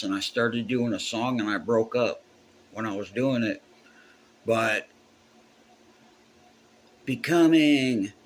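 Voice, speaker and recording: A man's voice: medium pitch, slight background noise. A man, a musician telling a heartfelt, profane story in a casual way.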